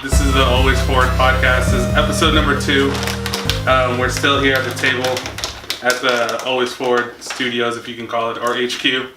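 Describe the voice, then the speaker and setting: A man's voice: medium pitch, flat delivery, normal speed, music in the background. A young man hosting a casual podcast chat, laid-back and rambling, chuckling often. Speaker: podcast host. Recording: echoey room from far off, faint noise.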